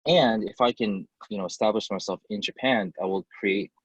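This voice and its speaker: A man's voice: on the low side, moderate pace, breathy edge, dry recording, poor audio. A man raised in the United States, a company head answering interview questions over a video call, chatty with fillers and restarts. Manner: conversational, many fillers and restarts. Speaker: company CEO, guest.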